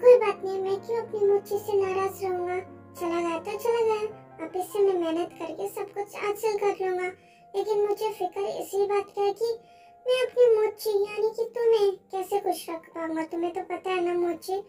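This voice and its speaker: Woman playing a lovesick young boyfriend, very high voice, soft and coaxing, fan dub, faint music behind. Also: steady tone, normal speed. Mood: tender. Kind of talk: amateur Hindi fan dub.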